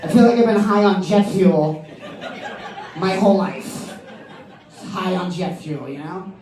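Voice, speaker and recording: A man's voice: high voice, unhurried, a little mellow, far from the mic. Boston man doing stand-up in an echoey room. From East Boston, US. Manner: chatty, full of "you know" and "like". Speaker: stand-up comedian. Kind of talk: stand-up comedy set. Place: comedy club stage.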